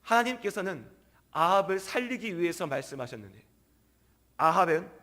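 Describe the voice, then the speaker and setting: A man's voice: high voice, normal speed. A male pastor preaching an evening sermon, retelling a story and acting out the quotes. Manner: animated storytelling with acted-out quotes.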